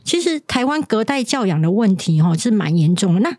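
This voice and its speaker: A woman's voice: mid-range voice, sing-song, a little fast, a little mellow, dry recording, studio quality. A woman podcast host with a Taiwanese Mandarin accent, prompting her guest with questions. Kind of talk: interview hosting.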